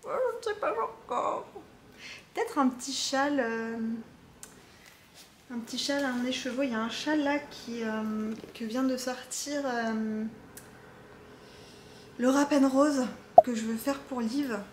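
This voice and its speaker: A woman's voice: fairly high pitch, fairly even intonation, unhurried, long pauses, reverberant, a little hiss or hum. A woman vlogging casually about her knitting projects, chatty and full of fillers and restarts. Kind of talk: casual chat to camera. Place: home craft workshop. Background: jackhammer from far off.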